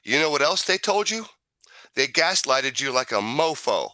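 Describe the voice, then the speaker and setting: A man with a smoker's rasp hosting a casual, opinionated talk, emphatic and repetitive, swearing freely. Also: mid-range voice, sing-song, normal speed, pushed and bright, dry recording. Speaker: talk show host.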